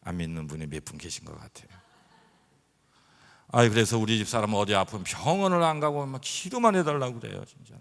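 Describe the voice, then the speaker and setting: A middle-aged man preaching a revival sermon as a pastor, telling animated stories and acting out voices and sounds. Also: fairly low pitch, fast, vocal fry. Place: church sanctuary. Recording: long hall reverb.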